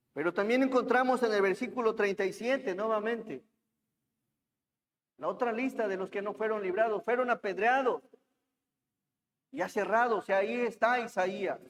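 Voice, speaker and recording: A man's voice: high voice, moderate pace, pauses often. A man preaching a sermon, reading scripture and asking the congregation questions. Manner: asks the congregation questions, reads scripture aloud. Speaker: pastor. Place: church hall. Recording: long hall reverb in church.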